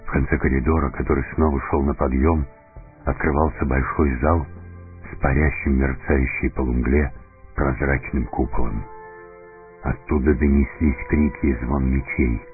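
A man narrating a fantasy story in deliberate, dramatic scripted audiobook style. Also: extremely low pitch, steady tone. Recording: narrow phone-like sound, faint music.

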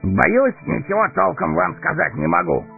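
Éomer, a man putting on a gravelly horse-lord captain. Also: on the high side, expressive, normal speed, pitched above the performer's own voice. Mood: proud. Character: proud blunt male horse-lord captain. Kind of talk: audiobook character voice. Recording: tinny narrow-band recording, faint music.

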